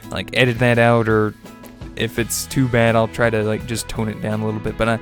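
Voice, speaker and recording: A young man with a fairly low, monotone, stuffy-sounding voice talks a little fast as he narrates his own gameplay video. This gaming host keeps it casual, chatty, and upbeat, with little laughs and fillers. Faint music plays behind him.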